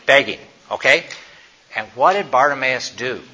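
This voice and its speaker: Forceful-voiced man teaching a group. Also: mid-range voice, animated, moderate pace. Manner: quizzes the listeners with questions. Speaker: health education presenter. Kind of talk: teaching with Bible storytelling. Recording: slightly dull recording, faint noise.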